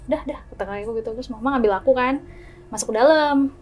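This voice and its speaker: A woman's voice: fairly high pitch, quick pace. A woman guest telling her own experience in a casual chat, acting out the scenes with quoted dialogue. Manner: lively, acts out scenes with gestures and quoted dialogue.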